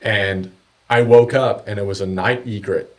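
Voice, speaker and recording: A man's voice: lowish voice, fairly even intonation, unhurried. A man chatting casually and telling anecdotes in laid-back, slangy talk as a podcast guest. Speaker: podcast guest, kayak angler.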